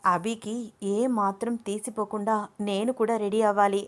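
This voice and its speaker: A woman voicing an excited, stylish young woman who talks to herself while waiting on a man. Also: medium pitch, normal speed, close to an everyday voice. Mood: eager.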